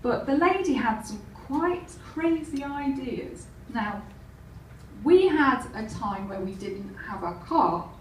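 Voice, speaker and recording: A woman's voice: sits high, lively intonation, takes it slowly, a little hiss or hum. Wry woman doing stand-up. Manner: wry, anecdotal, laughs at her own jokes. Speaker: stand-up comedian. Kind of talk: stand-up comedy set. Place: live comedy venue. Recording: roomy, distant mic with faint ambience.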